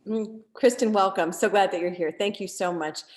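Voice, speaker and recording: A woman's voice: medium pitch, moderate pace, a little mellow. A woman moderating an online meeting, upbeat and appreciative as she calls on each speaker. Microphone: video call.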